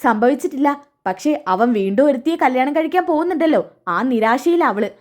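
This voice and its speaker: A woman voicing a sharp-tongued, complaining middle-aged mother in a retold serial. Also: high-pitched, lively intonation, brisk. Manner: scolding, complaining.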